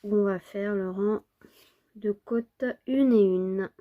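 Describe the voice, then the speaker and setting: A woman who is a little sick, giving an informal knitting tutorial step by step in an unhurried way. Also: mid-range voice, phone-quality sound. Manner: unhurried, counting and repeating steps. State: slightly sick, under the weather with a cough.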